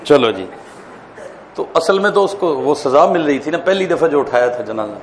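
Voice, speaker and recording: A man, a mufti, giving an animated classroom lecture on public speaking, quizzing his listeners and telling jokes. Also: on the high side, a little hiss or hum. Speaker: mufti teaching a course. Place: lecture hall.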